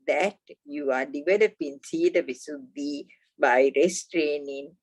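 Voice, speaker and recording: Slow, low-voiced woman reading meditation instructions. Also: a little mellow, no echo, poor audio. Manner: slow, deliberate, measured reading. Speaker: Dhamma reader.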